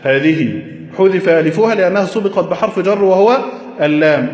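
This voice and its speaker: A man teaching Arabic grammar at a whiteboard, slow and deliberate, quizzing his listeners with questions. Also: high-pitched. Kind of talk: classroom lesson at a whiteboard. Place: classroom with a whiteboard. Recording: echoey, reverberant room.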